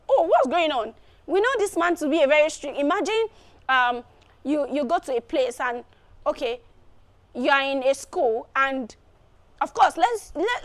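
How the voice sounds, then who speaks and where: A woman teaching an exam preparation lesson, explaining step by step and often repeating her phrases. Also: sits high.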